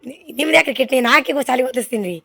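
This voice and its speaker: A woman's voice: high voice, rapid-fire, gravelly, fairly bright tone, husky. A mother, hosting a family vlog at home, coaxing and comforting and talking to viewers as friends. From Maharashtra border region.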